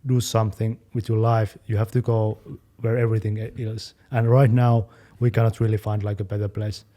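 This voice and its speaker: A young man chatting casually as a fitness channel co-host, talking quickly and loosely, with many fillers. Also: fairly low pitch, level tone, mellow. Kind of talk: casual chat.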